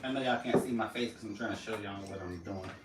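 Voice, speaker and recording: A playful woman with a Southern drawl chats on a home live stream while she sorts things. She sits back from the mic in an echoey room with loud noise behind her. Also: extremely low pitch, quick pace, far from the mic. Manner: playful, chatty, slips into a put-on Southern drawl. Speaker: vlogger going live. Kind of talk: casual live-stream chat.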